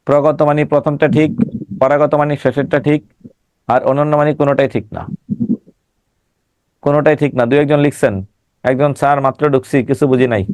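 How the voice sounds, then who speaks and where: A man's voice: on the high side, steady tone, normal speed, pauses often, darkish tone, no room sound. A male teacher giving an online exam-prep class, emphatic, repeating words and sounding them out syllable by syllable.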